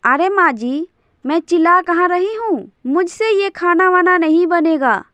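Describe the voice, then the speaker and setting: A woman's voice: very high voice, lively intonation, measured pace, a bit bright, no echo, voice pushed up, full character voice. A woman doing a bossy, scornful daughter-in-law. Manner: scornful and commanding. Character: rude, bossy young daughter-in-law from the city. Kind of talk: cartoon voice acting.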